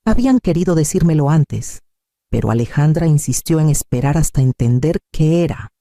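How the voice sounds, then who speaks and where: A man narrates a scripted story in a calm, measured way. His voice is deeply mellow and sits a little high. The sound is dry and close. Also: no echo.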